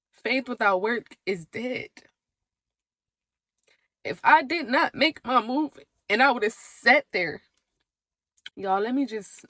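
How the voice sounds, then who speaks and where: A young woman, chatting to the camera in an emotional, animated way about her move. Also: a little high, no echo. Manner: emotional, animated storytelling with laughs. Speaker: vlogger. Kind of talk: casual chat to camera.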